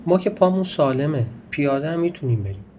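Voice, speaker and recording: A man voicing a naive, soft-hearted grown man from a folk tale, who speaks in a pleading, tender way on a dull lo-fi recording. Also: a little high, animated, slight background noise, natural voice. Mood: pitying.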